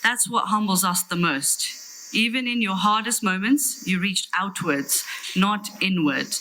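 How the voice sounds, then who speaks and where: A middle-aged British woman reading a prepared farewell speech in a tender, solemn, measured way. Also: mid-range voice, bright, forceful tone, slight background noise, low-quality recording. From London, England. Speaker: sister giving a farewell eulogy.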